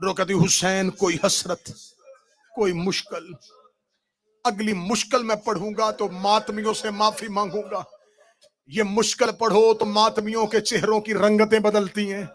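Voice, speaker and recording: A male religious orator giving a mournful sermon, with an impassioned, weeping delivery that swings between a hushed murmur and loud wailing cries. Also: sits high, level tone.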